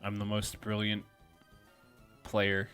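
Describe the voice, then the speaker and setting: Man, lowish voice, casual match commentator, self-mocking asides, faint music underneath. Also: completely flat delivery, slow, fairly bright tone. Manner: self-deprecating, thinks aloud, frequent restarts. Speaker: game commentator.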